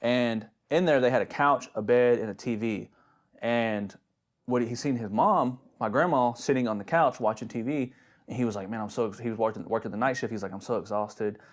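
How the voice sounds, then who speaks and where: A young man co-hosting a podcast, casually telling a spooky family story with slang and restarts. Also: fairly low pitch. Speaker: podcast co-host.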